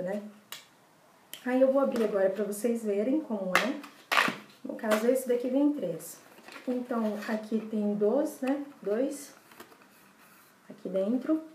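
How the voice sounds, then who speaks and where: A woman's voice: a little high, warm tone, slight background noise. A young adult woman with a Brazilian accent, chatting casually to camera as a video blogger and repeating words for emphasis. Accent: Brazilian Portuguese. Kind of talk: casual vlog to camera, showing desserts. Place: small bare room indoors. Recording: echoey small room.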